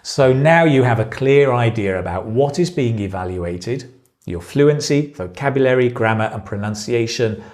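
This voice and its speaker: A man teaching a spoken lesson, saying example phrases slowly and clearly. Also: medium pitch, expressive, a little mellow. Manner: slow, clear delivery that models example phrases. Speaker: English speaking-exam teacher.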